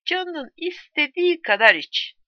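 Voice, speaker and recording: A woman voicing a calm, weary young man who answers in plain, firm words, in a dry, slightly dull recording. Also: very high voice, measured pace, no room sound, pitched above the performer's own voice.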